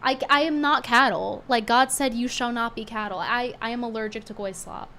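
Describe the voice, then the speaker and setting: Her voice is a little high, pushed and bright, at a moderate pace, and a cold leaves it strained and hard to get out. She's a streamer chatting casually on a livestream, blunt and scornful as she reads viewer tips aloud. A little hiss or hum runs underneath.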